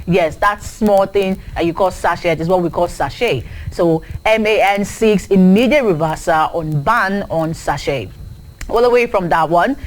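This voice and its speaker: A Nigerian woman hosting a morning newspaper review on air. She reads each headline and page number at a brisk clip. Now and then she drops in a short aside of her own. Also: medium pitch, poor audio. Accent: Nigerian English. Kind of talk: reading headlines and studio chat.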